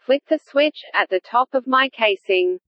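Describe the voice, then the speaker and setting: A woman voicing a gentle, formal female AI living in a toy, speaking calmly and precisely. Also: a little high, measured pace, dry recording, lo-fi sound.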